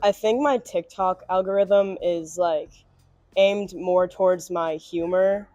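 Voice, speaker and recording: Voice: mid-range voice, takes it slowly, mellow, dry recording. A young student from Long Island, New York, answering casually with many fillers, on a dull lo-fi recording. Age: young adult. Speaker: interviewee.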